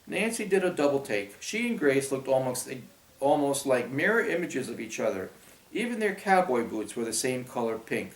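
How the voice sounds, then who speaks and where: A man narrating a children's audiobook in a steady storytelling manner. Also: mid-range voice, normal speed. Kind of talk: scripted narration. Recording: roomy echo.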